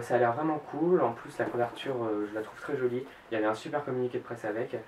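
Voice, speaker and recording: Hesitant teenage book vlogger, roomy sound. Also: male voice, medium pitch, darkish tone. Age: late teens. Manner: hesitant, frequent fillers and self-corrections. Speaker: book blogger. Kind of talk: casual book vlog. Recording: roomy echo, mic at a distance, faint background hiss.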